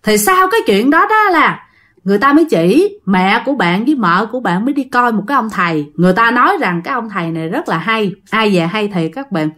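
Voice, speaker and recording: A woman telling a ghost story in an animated, conversational way. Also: medium pitch, a little fast.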